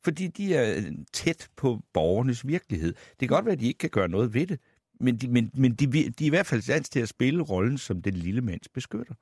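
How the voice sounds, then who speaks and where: A man's voice: medium pitch, breathy edge, dry recording, studio quality. A man hosting a radio talk show, questioning his guest in a debate, with frequent restarts. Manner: challenging, lively questioning with restarts. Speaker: radio host. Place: radio studio.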